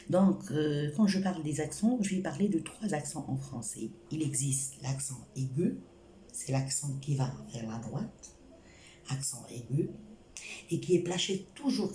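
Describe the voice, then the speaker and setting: Slow, low-voiced woman teaching French. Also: warm tone. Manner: slow, repetitive, spells out examples. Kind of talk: spoken grammar lesson. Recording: echoey room with faint hiss.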